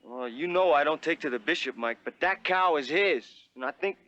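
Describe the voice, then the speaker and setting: An actor playing an earnest teenage cowhand in a TV western, with an American Western accent. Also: male voice, on the high side, expressive, brisk, sharp tone. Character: earnest teenage farm boy cowhand in the West. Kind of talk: TV western acting. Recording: dull old TV soundtrack, noisy.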